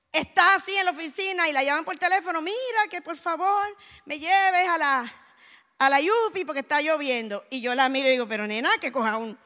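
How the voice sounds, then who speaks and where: A woman preaching a sermon, telling lively anecdotes and acting out the dialogue. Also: high-pitched. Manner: animated storytelling, acts out dialogue. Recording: echoey hall.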